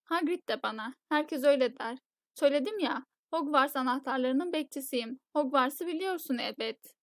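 Hagrid, a gruff giant read by a woman. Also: high voice, moderate pace, dry recording, studio quality, close to an everyday voice. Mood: matter-of-fact. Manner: roaring, indignant outbursts. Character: huge gruff male giant gamekeeper, blunt and hot-tempered. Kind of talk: audiobook character reading.

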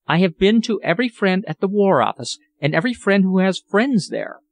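A man lifting his voice into a grieving, well-bred lady in an audiobook, earnest and genteel, her voice raised and swinging widely in pitch. She sounds close and dry, with no room around her. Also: very animated, brisk, creaky, no room sound, heavily acted. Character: anxious refined English lady, grieving. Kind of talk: audiobook character voice.

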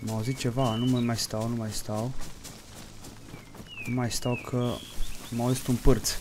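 A man's voice: medium pitch, flat delivery, background noise. A man giving let's play commentary, swinging between mumbled play-by-play, profane hot-tempered outbursts and jokey mock-dramatic storytelling to his viewers. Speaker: gaming streamer.

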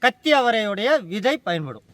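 A man's voice: high-pitched, sing-song, moderate pace, a bit bright. A man co-hosting a cooking show outdoors, earnestly explaining health benefits and repeating points for emphasis. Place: outdoors at a farm garden.

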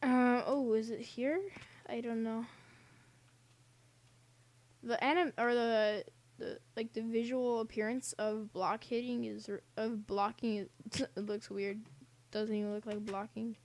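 A woman's voice: fairly high pitch, flat delivery, a little slow, a little mellow. A young woman casually commenting on a game she is playing, rambling and giggling with silly asides, recorded at home. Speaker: gaming channel host.

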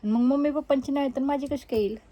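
A woman's voice: high voice, very fast, warm tone. A young woman, chatting casually in a family vlog and teasing the kids. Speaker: vlogger.

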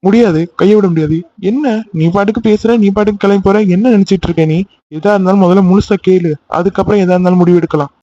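A man's voice: high voice, fast, warm tone, lo-fi sound, close to an everyday voice. A man voicing a young man in a cartoon love story, pleading insistently with his angry girlfriend. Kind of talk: cartoon voice acting.

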